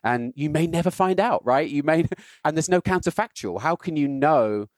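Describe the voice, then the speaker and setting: A British man, a guest on a podcast, explaining health data tools in a casual, explanatory way, often checking in with a quick "right?". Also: fairly high pitch, animated, dry recording. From Britain. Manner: explanatory, builds points with rhetorical "right?".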